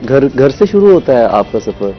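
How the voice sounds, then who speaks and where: A man, a guest poet talking in an unhurried, reflective way on a morning show, with soft hesitations. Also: medium pitch, sing-song. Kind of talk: conversational interview. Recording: dull, slightly muffled TV broadcast audio with faint music.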